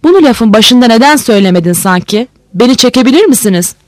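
A reader voicing an old British sailor, defiant and hot-tempered, who talks bluntly and shouts. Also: mid-range voice, lively intonation, fast talker, no room sound, clean studio sound, pitched above the performer's own voice, lightly acted. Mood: gruff.

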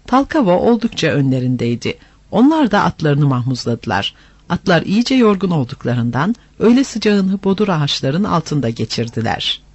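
A man narrating an adventure story aloud in an expressive, animated reading style. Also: sits high, no echo. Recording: dry, slightly dull lo-fi.

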